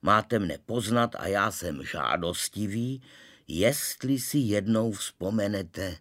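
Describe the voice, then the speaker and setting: A man voicing a gruff, grumbling, penny-pinching middle-aged father in a storybook reading. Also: lowish voice, lively intonation, a bit bright.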